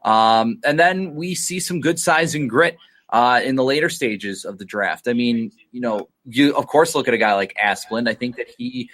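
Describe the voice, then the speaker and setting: A man's voice: mid-range voice, normal speed, a bit bright. A man with an ordinary mid-range voice co-hosts a casual sports podcast. He talks through his views loosely, hedging often and leaning on "you know" and "uh.". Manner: hedging, filler-heavy analysis. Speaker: podcast co-host.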